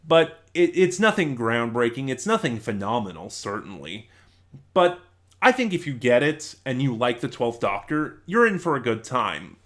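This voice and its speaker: A reviewer who hosts his own channel talks through an off-the-cuff review, his medium-pitched voice fairly bright. He wanders conversationally and keeps fixing what he's just said.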